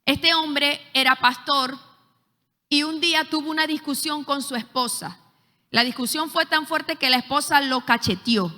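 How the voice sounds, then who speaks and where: In an echoey hall, a woman teaches at a church leadership school, telling stories in a high-pitched, slightly slow voice. She's a lively storyteller who hesitates often.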